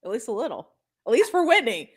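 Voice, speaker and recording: A woman's voice: on the high side, sing-song, fast, breathy edge. A woman co-hosting a podcast in casual chat, blunt and irreverent, laughing often. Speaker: podcast co-host.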